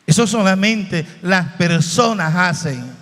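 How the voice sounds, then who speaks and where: A man from Bolivia preaching a sermon slowly and emotionally, with dramatic shifts in his voice. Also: sits high, expressive, a bit bright. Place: church hall. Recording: reverberant hall.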